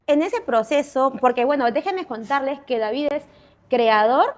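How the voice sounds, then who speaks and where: A woman with a fairly high voice hosts a podcast interview. She introduces her guest and echoes his points back in short, affirming summaries. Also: moderate pace. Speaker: podcast host. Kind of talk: interview hosting.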